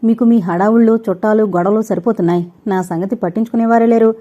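A woman's voice: mid-range voice, steady tone, fast talker, dark tone, natural voice. A woman voicing a haughty, demanding young woman who complains angrily, in a slightly dull recording. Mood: indignant. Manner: indignant, complaining.

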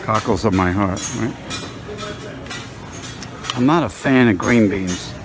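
Walking through a buffet with his phone camera in hand, a male food vlogger narrates casually, thinking aloud about the dishes and using many fillers. He speaks slowly in a fairly low voice.

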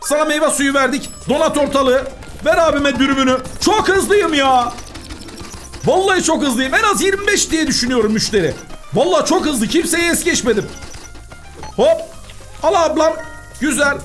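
Super high-pitched guy hyped up, chatting through a game, light music in back. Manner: fast, excitable, chatty, talks to game customers. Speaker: gaming channel host. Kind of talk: excited gameplay commentary.

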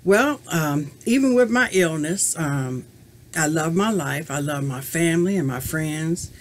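A woman in her fifties who vlogs about crochet answers tag questions to a webcam at desk distance in a small room at home, chatting casually. She rambles and reflects, using lots of "you know" fillers, in a low, expressive voice at a slightly slow pace. There's a little background noise.

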